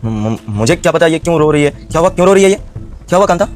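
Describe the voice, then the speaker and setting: A man's voice: a little high, lively intonation, quick pace, darkish tone, soft background music, close to an everyday voice. A man playing a lecherous lying husband. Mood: defensive. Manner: smooth-talking then defensive and stammering. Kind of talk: acted family drama skit.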